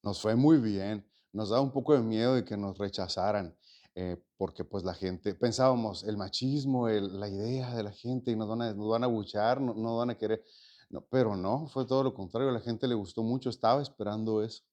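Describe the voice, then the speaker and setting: A man's voice: fairly low pitch, normal speed, dark tone. A man in his forties from Mexico, an actor and stage producer, answering interview questions in a reflective, rambling way with many fillers and repeated words. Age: 40s. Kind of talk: casual interview conversation.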